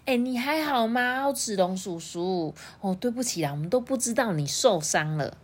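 A woman's voice: fairly high pitch, animated, normal speed, breathy edge, pitched above the performer's own voice. A woman doing a chirpy baby triceratops. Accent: Taiwanese Mandarin. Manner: chirpy, childlike, sing-song. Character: cheerful naive baby triceratops, small and kind.

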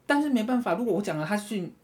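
A woman with a Taiwanese Mandarin accent, co-hosting a podcast and telling stories in an animated, laughing way. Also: mid-range voice, rapid-fire. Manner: animated storytelling, laughs often. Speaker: podcast co-host. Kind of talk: casual chat.

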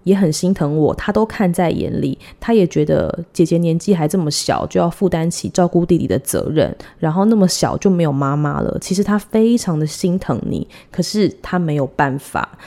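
Telling a personal story on her podcast, a woman in her thirties giggles and chats, pausing dramatically at length. She has a lowish, mellow voice with vocal fry.

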